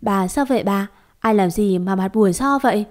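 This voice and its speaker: A woman's voice: mid-range voice, normal speed, darkish tone, close to an everyday voice. A woman voicing a comforting older village man who welcomes guests and reassures his wife.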